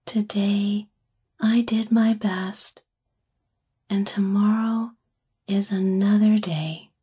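A woman whispers softly and breathily as she soothingly guides listeners toward sleep, ASMR-style. Her voice is mid-range and steady, and she never rushes her gentle phrasing.

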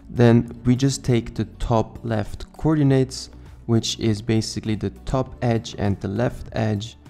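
A man narrating a programming screencast, explaining code step by step in a calm, methodical way. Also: mid-range voice.

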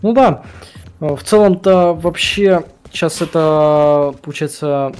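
A man's voice: a little high, slow pace, a little mellow, clear, resonant tone, faint music behind. A man giving casual, analytical esports commentary, hesitant as he searches for words. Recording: faint noise, clicks, game sounds.

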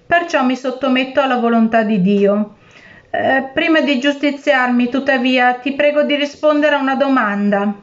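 A woman's voice: high-pitched, moderate pace, highs cut off, pitched above the performer's own voice, lightly acted. A woman reading aloud and voicing a poor fisherman who pleads for his life and then outwits his captor. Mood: desperate, cunning. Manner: pleading, then shrewd and defiant. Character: poor, desperate, clever old fisherman.

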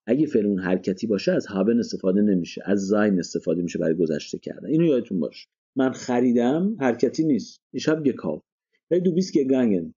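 A man's voice: medium pitch, warm tone, breathy edge, dull audio. A male language teacher explaining grammar step by step and often stopping to check that listeners follow. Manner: checks understanding with frequent rhetorical questions. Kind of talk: explanatory lesson.

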